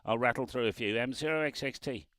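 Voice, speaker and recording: A man's voice: medium pitch, fast, a bit bright, dry recording. A man chatting on amateur radio, laughing often and spelling out call signs. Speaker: ham radio operator. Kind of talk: casual radio chat. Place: parked car by the road, remote radio.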